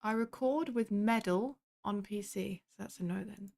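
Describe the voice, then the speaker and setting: A woman's voice: medium pitch, normal speed, vocal fry, darkish tone. A woman streamer chatting casually while sorting out a game event on her computer, swearing and making sarcastic asides.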